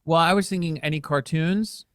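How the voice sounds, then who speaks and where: A man, a filmmaker guest, chatting casually and cracking deadpan jokes. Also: fairly high pitch, normal speed, clear, resonant tone, no room sound, studio quality. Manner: deadpan joking. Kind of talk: casual chat.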